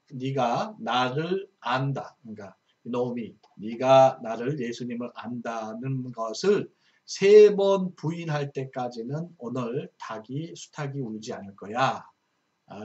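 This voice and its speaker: A man teaching English Bible vocabulary, reading each phrase slowly and then explaining it patiently with fillers and repetitions. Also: mid-range voice, lo-fi sound. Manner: patient, repeats words, frequent fillers and restarts, reads English phrases slowly. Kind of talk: slow explanatory lesson, reading verses then explaining words.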